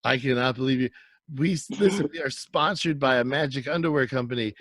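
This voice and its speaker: A man's voice: medium pitch, a little fast, fairly bright tone, dry recording. A man co-hosting a comedy podcast, teasing and mock-scolding the others in casual banter. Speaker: podcast co-host.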